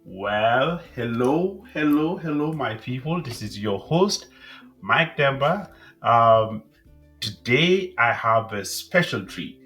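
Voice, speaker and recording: A man hosting a casual interview podcast, friendly and halting, with many restarts and fillers. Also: mid-range voice, animated, fairly bright tone, soft background music. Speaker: podcast host.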